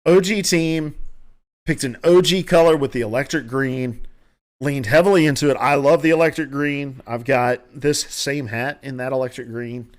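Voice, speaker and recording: Here a male podcast host with a Southern US country twang speaks at a moderate pace in a mid-range voice. Broadcasting from home, he offers loose, opinionated commentary, wandering off track and frequently starting his sentences over.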